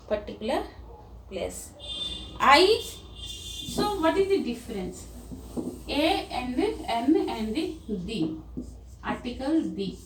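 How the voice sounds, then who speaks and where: Slow, lively Indian woman teaching grammar. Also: sits high. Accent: Indian English. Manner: slow, spells words out letter by letter. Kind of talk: grammar lesson for children. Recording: roomy, distant mic, faint background hum.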